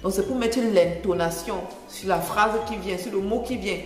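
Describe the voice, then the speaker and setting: A woman's voice: mid-range voice, normal speed, reverberant, big-room sound. A woman from Cameroon with a Cameroonian French accent, chatting casually as a vlogger, explaining and repeating phrases and laughing often.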